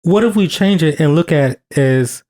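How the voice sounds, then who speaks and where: In an animated, warm voice on the high side, a podcast co-host in his thirties discusses a topic at a moderate pace, casual and earnest. He stacks repetitions for emphasis and frequently starts his sentences over.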